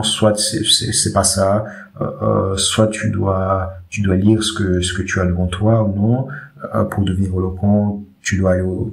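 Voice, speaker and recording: A man's voice: on the low side, creaky, rough recording. A man playing a hesitant, unsure speaker who mumbles and halts over his words. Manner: mumbling, halting, repeating words.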